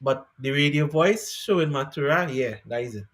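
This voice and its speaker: A man hosting a music interview podcast, chatting in a relaxed, encouraging way. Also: on the high side, moderate pace. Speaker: podcast host and DJ. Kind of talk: casual interview chat.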